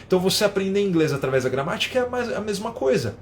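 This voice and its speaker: A man teaching in a live online lesson, explaining with everyday examples and often adding a quick tag question. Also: high voice, sing-song, slight background noise. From São Paulo, Brazil. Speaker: English teacher.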